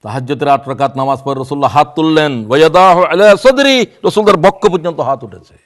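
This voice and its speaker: A man in his sixties preaching a sermon, reciting prayers and quoting verse in a drawn-out voice that swings between loud and hushed. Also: mid-range voice. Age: 60s. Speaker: Islamic preacher.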